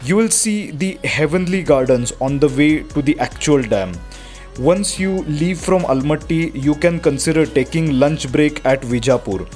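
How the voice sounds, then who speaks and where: A man with an Indian accent gives a scripted travel voice-over as a vlogger. His voice sits a little high, and light music plays behind him. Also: expressive, unhurried, a little mellow.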